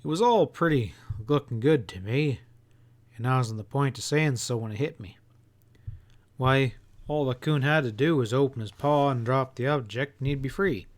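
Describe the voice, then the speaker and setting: A man narrates an audiobook in the first person, telling the story in an expressive, folksy way. His pitch is medium and his speed normal.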